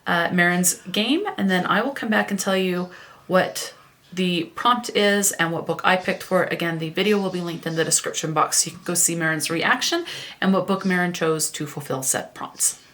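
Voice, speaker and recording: A woman with a slightly low voice hosts a casual book vlog. She chats to the camera and reads back-cover blurbs aloud, now and then stumbling and correcting herself. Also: moderate pace, fairly bright tone. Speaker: book vlogger.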